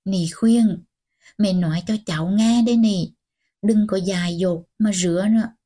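Woman narrator voicing a strict old grandmother, scolding, slow and mellow, audiobook. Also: mid-range voice, lightly acted. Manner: scolding, sharp and commanding.

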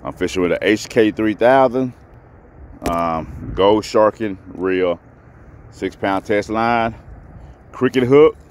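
A fishing vlogger sits on a grassy pond bank, chatting casually to viewers as he fishes, filmed on a head-mounted camera. His voice is lowish and slow, and he pauses often. Faint outdoor noise runs in the background.

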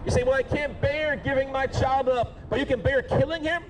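A man preaching in the open air by a street, pleading and rebuking by turns, at times shouting and then dropping low. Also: fairly even intonation, brisk, rough recording. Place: outdoors by a street with passing traffic. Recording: outdoor street noise, traffic. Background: cars passing.

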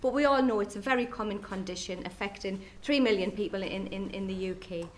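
A woman's voice: mid-range voice, a little fast, slight background noise. Chatty Geordie woman giving a talk. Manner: chatty, jokey asides to the audience. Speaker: nurse consultant. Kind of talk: conference presentation. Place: lecture hall at an education day.

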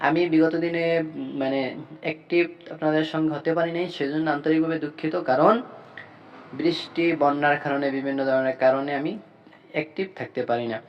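A man teaching Quran reading, patiently drilling each letter and repeating points slowly. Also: a little high, steady tone, muffled recording, slight background noise.

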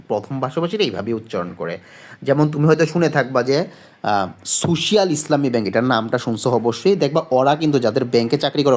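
An exam-prep tutor guides students through exam questions in a relaxed spoken lesson, his voice at an ordinary middle pitch. He explains patiently, often pausing on hesitation fillers, and keeps asking questions only to answer them himself.

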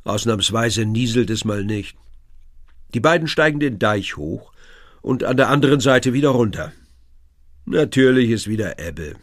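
A man reading a children's story aloud in a lively, expressive way. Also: medium pitch, normal speed, no echo, studio quality.

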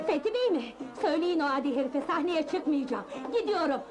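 A woman's voice: sits high, animated, brisk, music in the background. An actress playing a temperamental female nightclub singer who shrieks indignantly. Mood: furious.

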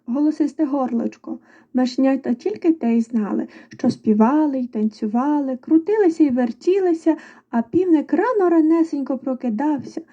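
A woman with a high, mellow voice tells a children's folk tale with lively expression. The recording is somewhat dull and lo-fi. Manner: lively, expressive storybook reading. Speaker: storyteller.

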